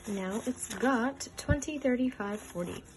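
A woman's voice: fairly high pitch, unhurried. A woman in her twenties chatting casually as she counts bills aloud and stuffs budget envelopes, getting flustered now and then. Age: 20s. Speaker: budgeting vlogger. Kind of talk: casual cash-stuffing vlog. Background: background music.

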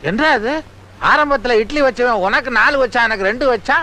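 A grumpy, bickering wedding guest. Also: male voice, extremely high pitch, brisk, bright, forceful tone. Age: middle-aged. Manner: sarcastic, bickering, scolding. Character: grumpy quarrelsome middle-aged male wedding guest. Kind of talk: film comedy dialogue.

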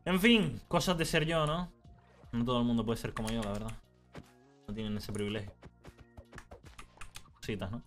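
A man's voice: medium pitch, soft background music. A young man with a Canarian accent, chatting casually and teasing while he plays a game on stream, telling stories with a lot of animation. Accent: Canarian Spanish. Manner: animated teasing storyteller, quick mood swings. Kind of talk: casual chat while gaming.

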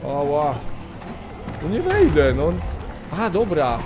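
A man doing let's-play commentary, excitable and swearing as he exclaims at the game. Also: on the high side, takes it slowly. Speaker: gamer. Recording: voice over game music.

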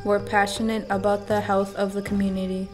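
Woman narrator, even voice-over. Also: medium pitch, a little fast, over music. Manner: even, informative. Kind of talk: scripted narration.

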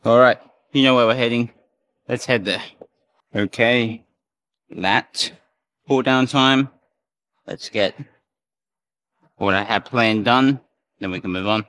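A man narrates his own workout, talking slowly and easily between sets. His voice sits at an ordinary middle pitch, and breathy sighs mark the pauses as he moves from one exercise to the next in an indoor gym. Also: fairly bright tone. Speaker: fitness vlogger.

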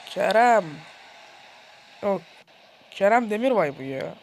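A gamer commentating their own football video game match in a playful mock-commentator style, excitable and shouting at the players, with a sore throat. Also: mid-range voice, takes it slowly.

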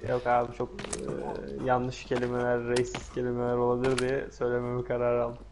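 A man's voice: mid-range voice, fairly quick, noisy background. A young man joining a live gaming stream, joking around with his teammates. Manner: relaxed, joking banter with teammates. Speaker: co-player. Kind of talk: casual gaming chat.

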